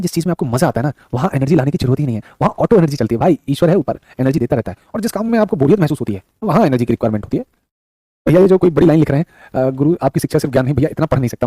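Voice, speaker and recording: Mellow and medium-pitched, this man's voice comes through a studio mic in a dry recording. He teaches a live online exam-prep class, repeating his points, reading out viewers' chat messages, and affectionately addressing students as son and brother.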